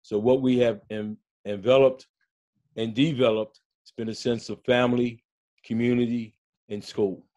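Joining a panel discussion by video call from a room in his home, an older school coach tells stories slowly and reflectively. His voice is medium-pitched, level, and mellow.

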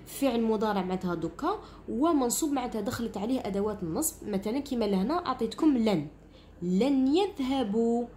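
A woman's voice: fairly high pitch, expressive, very fast, darkish tone, a little hiss or hum. A woman with an Algerian accent, a primary school teacher giving a grammar lesson to children and explaining each step while checking that they follow. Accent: Algerian Arabic. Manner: explains step by step, often asks "understood?".

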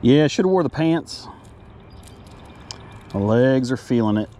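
Warm and animated, if a little slow, a mid-range American male voice carries this casual fishing vlog chat from a kayak, delivered folksily to viewers. It's recorded outdoors on a chest- or head-mounted action camera, with slight background noise.

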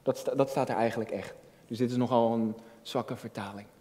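Speaking briskly in a mellow, steady, mid-range voice, a man in his early thirties preaches an earnest, personal sermon as a junior pastor. He repeats phrases for weight and asks rhetorical questions at a lectern on an indoor church stage, captured from afar with long hall reverb.

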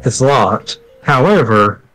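A young man showing off the game he is developing, relaxed and explaining, laughing often. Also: mid-range voice, takes it slowly, faint music behind, low-quality recording. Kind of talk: casual gameplay walkthrough.

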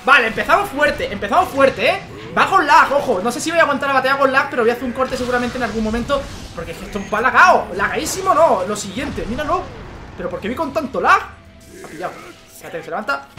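Excitable young-sounding male gamer from Spain, high bright voice, rapid-fire commentary with faint game music behind. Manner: excitable, frequent swearing and exclamations. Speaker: gaming channel host. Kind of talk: let's play commentary.

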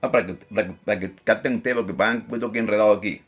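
A man preaching a Bible lesson, animated, repeating phrases for emphasis and mimicking objectors. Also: on the low side, rapid-fire, slightly rough. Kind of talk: live-streamed Bible teaching.

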